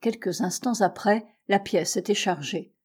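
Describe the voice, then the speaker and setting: A woman narrating a classic adventure novel as an audiobook, in a measured, even storytelling manner. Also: medium pitch, breathy edge. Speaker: audiobook reader.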